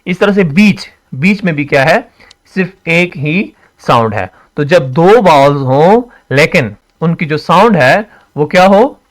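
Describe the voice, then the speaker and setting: A man teaching English pronunciation, repeating example words slowly and asking and answering his own questions. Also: a little high, animated. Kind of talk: classroom explanation.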